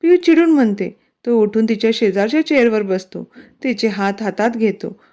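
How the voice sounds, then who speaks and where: A woman narrating a romantic story in a gentle, scripted storybook style. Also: fairly high pitch, lively intonation, moderate pace. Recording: dull, lo-fi recording.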